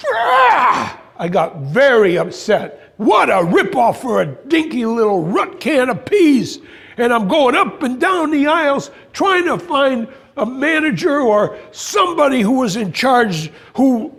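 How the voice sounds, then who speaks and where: An older man telling a spiritual story in an animated way, acting out voices and exclamations. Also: extremely high pitch. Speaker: spiritual speaker. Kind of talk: storytelling talk.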